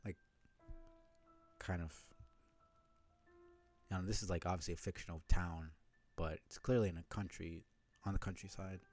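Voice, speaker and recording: Low-voiced man rambling over a game. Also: steady tone, normal speed, long pauses, a little mellow, soft background music. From New York City. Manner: rambling, thinking aloud, many fillers. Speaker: streamer. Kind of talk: let's-play commentary.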